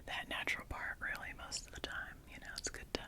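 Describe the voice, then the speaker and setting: A woman doing a whispered role-play as a hairdresser in a soft, breathy ASMR whisper, soothing and gently repeating short phrases. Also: fairly quick. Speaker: ASMR creator playing a hairdresser.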